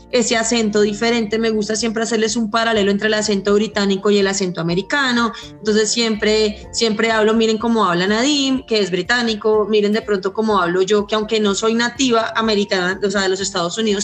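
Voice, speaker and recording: A woman from Colombia with a Colombian accent, an English teacher explaining her view fluently and earnestly with examples. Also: mid-range voice. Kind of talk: explanatory panel answer.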